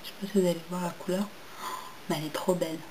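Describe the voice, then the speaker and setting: A woman's voice: fairly low pitch, fairly even intonation, very fast, dark tone, slight background noise, rough recording. A young woman chatting casually in a makeup haul video, hesitant with many fillers and restarts, and enthusiastic about packaging. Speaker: beauty vlogger.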